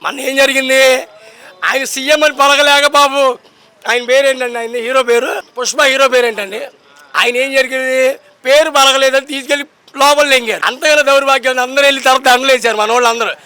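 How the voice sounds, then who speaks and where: Brief: young man, high bright voice, fast combative street-poll talk, handheld mic outdoors. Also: fairly even intonation, clean tone. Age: young adult. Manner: emphatic, combative, keeps repeating rhetorical questions. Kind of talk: impassioned political street talk.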